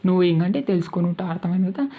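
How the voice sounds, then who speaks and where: A woman's voice: on the low side, expressive, fast, phone-quality sound. A woman with a Telugu accent teaching spoken English, patiently repeating each verb form and checking that her students follow.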